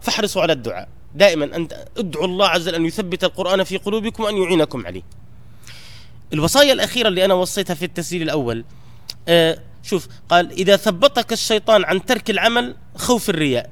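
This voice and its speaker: Fast-talking high-voiced man exhorting. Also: animated, fairly bright tone. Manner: earnest, exhorting, rising emphatically at key points. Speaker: Quran memorization program teacher. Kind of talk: recorded exhortation to students.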